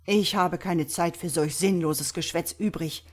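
A woman voicing an impatient, sharp-minded male doctor who questions forcefully in a read-aloud story. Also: on the low side, lively intonation. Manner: forceful, sharp, quick to anger.

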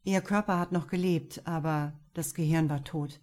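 A woman's voice: low-pitched, fairly even intonation, moderate pace, a little mellow, natural voice. Woman reading a resigned, earnest cop. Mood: somber. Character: male police officer Theo, resigned and earnest. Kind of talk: audiobook dialogue reading.

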